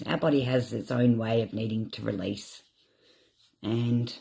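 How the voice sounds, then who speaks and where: Husky-voiced woman, emotional and rambling. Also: very deep voice, a little mellow. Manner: emotional, rambling, self-reflective. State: tearful, drained. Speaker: live stream host. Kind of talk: candid live stream monologue.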